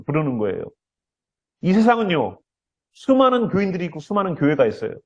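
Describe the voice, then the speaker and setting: A man's voice: high-pitched, darkish tone, lo-fi sound. A male pastor preaching an earnest sermon, often acting out the voices he quotes.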